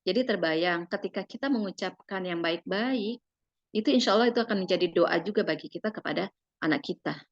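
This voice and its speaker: Soft-spoken woman giving a parenting seminar. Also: lowish voice, a little fast, no echo, dull audio. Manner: filler-laden, tags phrases with "gitu ya"; addresses parents directly, gently persuasive. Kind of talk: seminar talk with slides.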